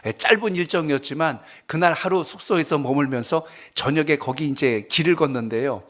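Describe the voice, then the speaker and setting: A man's voice: on the high side, brisk, a bit bright. A male pastor preaching a sermon at a prayer service, telling stories and asking the congregation questions. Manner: conversational storytelling, asks the congregation questions.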